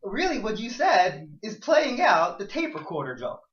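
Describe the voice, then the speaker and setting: Speaking at a moderate pace in a high-sitting voice, a very animated male teacher runs an interactive lecture for a small class indoors. He relies on rhetorical questions and keeps repeating and rephrasing his points. The audio is roomy, echoey, and muffled.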